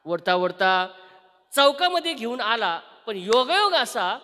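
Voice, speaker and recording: A man's voice: very high voice, big pitch swings, unhurried, bright, forceful tone, big-room sound. A man preaching a devotional kirtan sermon, singing verses and telling a story while quizzing his audience. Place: live kirtan gathering.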